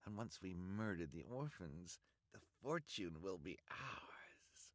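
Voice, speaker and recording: A man's voice: lowish voice, very animated, a little slow, no room sound, studio quality. A man voicing a scheming, bloodthirsty villainous woman in a raised, gloating voice.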